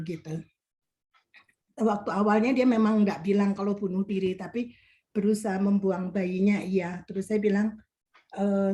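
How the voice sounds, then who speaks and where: Mellow-voiced woman telling a counseling story. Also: medium pitch. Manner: re-enacts her own stern words, ends phrases with a filler tag. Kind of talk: storytelling testimony in an online meeting. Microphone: video call.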